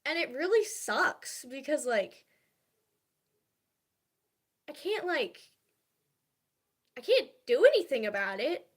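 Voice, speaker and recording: A young woman chats on her livestream in a slow, slightly high voice. She talks hesitantly, full of fillers and restarts, confiding softly about how she feels. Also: big pitch swings. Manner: confiding and soft-spoken about feelings. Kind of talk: casual livestream chat.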